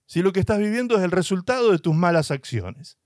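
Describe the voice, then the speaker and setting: A man's voice: sits high, lively intonation, a little fast, dry recording. Man, pastor, sermon, emphatic, rhetorical questions, dry close sound. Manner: mocks with short put-on voices. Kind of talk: preaching a sermon.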